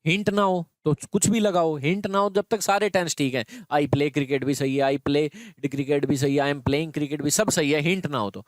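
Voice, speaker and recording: Male teacher, clear voice, dry sound. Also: fairly high pitch, moderate pace, hardly any pauses, no room sound. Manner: explains step by step, often checks in with students. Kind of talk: exam prep grammar lesson.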